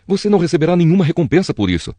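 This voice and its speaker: A man's voice: a little high, sing-song, racing, warm tone, no room sound, pitched above the performer's own voice. A man voicing Joab, a stern army commander. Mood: curt. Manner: blunt, scolding. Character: stern battle-hardened army commander, blunt.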